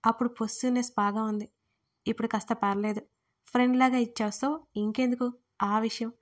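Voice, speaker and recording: Woman doing a young man, teasing, possessive, firm, slightly high voice, storybook reading. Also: flat delivery, brisk, close to an everyday voice.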